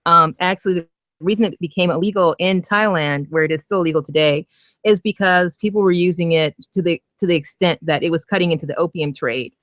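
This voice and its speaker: A woman's voice: fairly low pitch, fairly quick, a bit bright, no room sound, muffled recording. A woman from Northern Virginia calling in as a guest, explaining a topic earnestly with plenty of fillers. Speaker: guest caller, activist. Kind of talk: phone-in interview.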